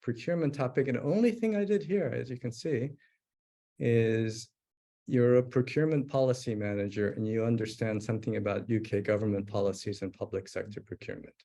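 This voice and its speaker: A man demos software in a live webinar, narrating his thoughts as he types and often restarting or using fillers. He speaks a little fast, with a medium-pitched voice and a dark tone.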